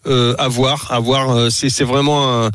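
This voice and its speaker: A man talks through his racing picks on a live radio panel, recorded dry and close. He stops and repeats himself often while he searches for words. His voice sits at an ordinary middle pitch. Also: flat delivery, measured pace, fairly bright tone, dry recording. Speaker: racing pundit. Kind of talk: tipster chat on live radio. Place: radio studio.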